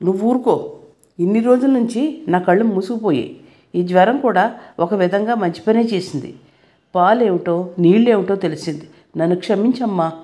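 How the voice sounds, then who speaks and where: A woman's voice: mid-range voice, normal speed, warm tone, close to an everyday voice. A woman voicing a feverish young husband who scolds his wife in heated outbursts. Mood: remorseful. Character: young husband, sick and indignant.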